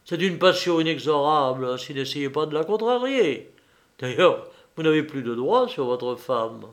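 A man's voice: fairly high pitch, lively intonation, normal speed. A man voicing a fervent grandiose lover. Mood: passionate. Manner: declamatory, impassioned. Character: passionate grandiose man, threatening rival in balloon.

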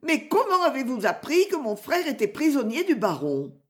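A woman voicing a proud young maiden, high. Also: wildly swooping pitch, moderate pace. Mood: distressed. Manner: imperious, pleading.

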